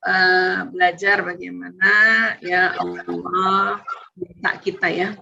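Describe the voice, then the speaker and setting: A middle-aged woman, a doctor, giving gentle religious parenting advice and answering a caller's question. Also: fairly low pitch, completely flat delivery, slow pace, vocal fry, slight background noise. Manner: gentle, explains with Quranic recitation and translation. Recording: dull lo-fi sound.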